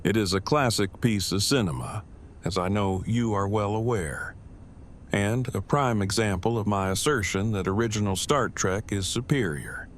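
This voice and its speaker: Audio drama part: nerdy, deadpan man male actor, lowish pitch, stiffly formal and long-winded, some ambience. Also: normal speed, natural voice. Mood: dry, agreeable. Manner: stilted, wordy, formal, deadpan. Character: Eugene, formal, verbose, earnest nerdy man. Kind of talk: acted audio drama dialogue. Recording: faint background ambient noise.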